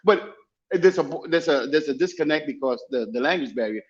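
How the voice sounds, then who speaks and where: A man with a slightly high voice and a Dominican-influenced accent talks very quickly in casual, emphatic chat. He repeats phrases to drive points home, over dull, lo-fi call audio. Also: animated. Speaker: guest, travel YouTuber. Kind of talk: casual chat, animated storytelling.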